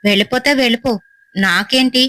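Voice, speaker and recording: A woman's voice: on the high side, a little fast, bright, forceful tone, dry recording. A woman voicing an irritable, dismissive middle-aged mother-in-law who talks in a snappish, impatient way.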